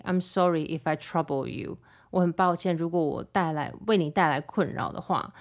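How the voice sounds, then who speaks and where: Woman podcast host with a lower voice, casual storytelling rant, animated and fed up, drops in English words. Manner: exasperated, animated retelling with mimicked dialogue. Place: lives in Rome.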